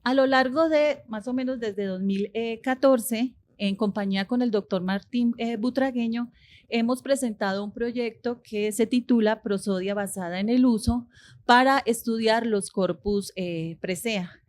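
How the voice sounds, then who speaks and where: A woman's voice: on the high side, a little slow, a little mellow. A woman giving an academic linguistics lecture, explaining step by step with rhetorical questions and frequent hesitations.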